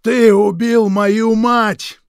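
A man voicing a bitter, furious older man who accuses his brother and yells hoarsely in an audiobook reading. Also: fairly high pitch, very animated, takes it slowly, no room sound, studio quality, voice pushed up, exaggerated voice. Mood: anguished, furious. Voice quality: hoarse yelling. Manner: shouting, sobbing, accusing.

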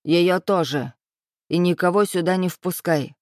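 A woman reading a storybook, voicing a cold, menacing man who purrs low and then barks orders. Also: a little slow, no room sound, studio quality. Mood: barking. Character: cold, menacing man, a powerful boss's right hand.

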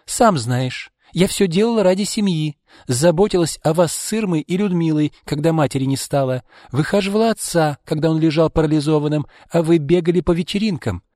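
A shrill, bitter woman hurls accusations in a high, strained voice that leaps and falls, as a man reading a story puts her on. She scolds without letup, spiteful and aggrieved, in a dry, close recording. The reading has the feel of a spoken storybook. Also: huge pitch swings, measured pace, dry recording, big-room sound. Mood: resentful.

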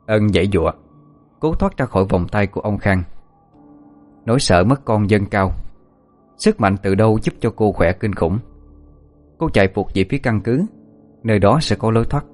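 A man with a low voice tells a dramatic story in steady, scripted narration. He, and faint music plays behind him. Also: moderate pace, pauses often.

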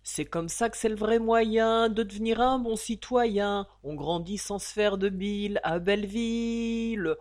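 A woman narrating a novel aloud as an audiobook, with an expressive, lively reading. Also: mid-range voice, unhurried, few pauses, dry recording, studio quality. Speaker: audiobook reader.

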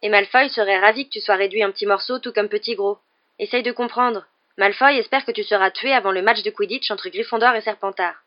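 A woman's voice: medium pitch, a little fast, pitched above the performer's own voice, lightly acted. A brooding, stubborn teenage boy, voiced by a woman speaks in a curt, determined voice. He sounds bitter and set on his course. The recording is dull and lo-fi. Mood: intense.

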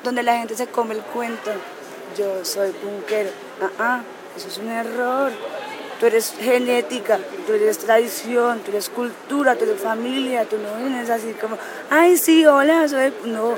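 A woman, answering interview questions bluntly and defiantly, swearing freely. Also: fairly high pitch. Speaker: punk band member. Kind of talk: outspoken casual interview answers. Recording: loud crowd noise outdoors.

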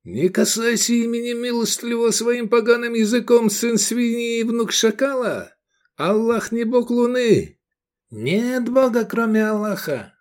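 A man doing a high shrieking zealot. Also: a little slow. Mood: raging. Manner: high, strained, raging shouts. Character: fanatical man, furious and shrieking.

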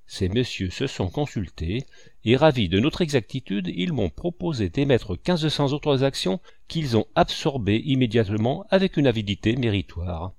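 A man's voice: medium pitch, very animated, normal speed, creaky, a little mellow, no room sound, studio quality. A man voicing a smug, shrewd male company swindler who speaks in a calculating, self-satisfied way.

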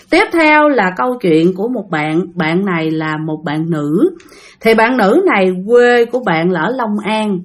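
Chatty Southern Vietnamese woman storyteller. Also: mid-range voice. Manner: chatty, addresses listeners directly. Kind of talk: casual spoken storytelling.

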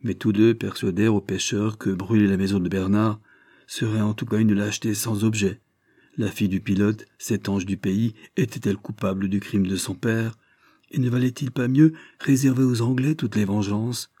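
A man narrating a historical adventure novel as an audiobook, measured and dramatic. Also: fairly low pitch, steady tone, mellow. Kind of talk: scripted narration.

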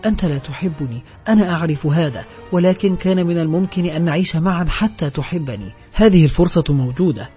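A man's voice: on the high side, lively intonation, fast talker, natural voice. A man reading as a desperate, pleading young woman. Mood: despairing. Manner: pleading, despairing. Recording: dull audio with soft background music.

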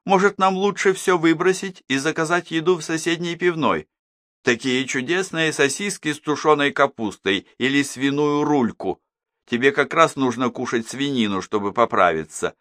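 A man's voice: a little high, moderate pace, fairly bright tone, dry recording, studio quality, pitched above the performer's own voice, natural voice. A man voicing a sarcastic woman who mocks her relatives at a family dinner. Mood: mocking. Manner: needling, sarcastic.

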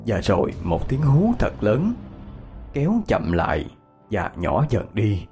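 A man narrating a horror story in an expressive, dramatic way. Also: on the low side, slow. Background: faint music.

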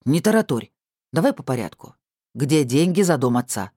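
A woman voicing a brash, pushy young woman with a hoarse, giggly voice who demands money in an audiobook. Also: extremely low pitch, big pitch swings, moderate pace, mellow, no echo, studio quality, full character voice. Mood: demanding. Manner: brusque and demanding.

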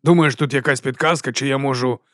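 A hulking, heavy security chief who speaks bluntly and gruffly, as a male narrator plays him. The voice stays in a plain middle pitch. The recording is dry, close to the mic, with no room around it. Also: steady tone, fast, a bit bright, no echo, lightly acted.

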